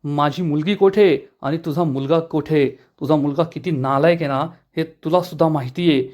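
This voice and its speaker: A stern, fiercely protective father and lawyer, voiced by a man narrating a serial recap. His male voice sits a little high and carries steady threat. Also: moderate pace, lightly acted. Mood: threatening.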